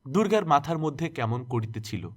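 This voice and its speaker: Male narrator, classic novel audiobook, expressive dramatic reading, lively intonation. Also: a little high, a little fast. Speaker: story narrator.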